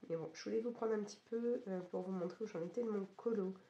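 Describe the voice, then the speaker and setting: A woman chatting casually in a craft vlog, her voice hoarse and cracked from a cold. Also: mid-range voice, quick pace, mellow, lo-fi sound. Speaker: craft vlogger. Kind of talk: casual vlog chat about colouring. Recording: roomy echo, faint background noise.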